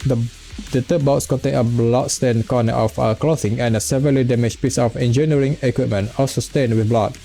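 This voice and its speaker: A man's voice: mid-range voice, steady tone, fairly quick, vocal fry, dark tone. A man streaming gameplay, reading the story text aloud with stumbles and casual reactions. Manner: stumbles and repeats words while reading. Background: game music.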